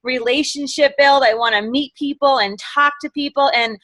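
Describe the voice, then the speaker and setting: A middle-aged Massachusetts woman with a Boston accent speaks as a guest, giving an enthusiastic, rambling motivational talk that often drifts off topic, quoting others in lively voices. Her voice is high, her pace normal, and there is no echo.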